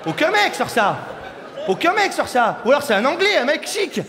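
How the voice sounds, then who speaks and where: A man's voice: very high-pitched, big pitch swings, moderate pace, very noisy. A young man doing a rowdy, crude stand-up comedy set and bantering with the crowd in a large hall. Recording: live hall reverb with faint crowd ambience.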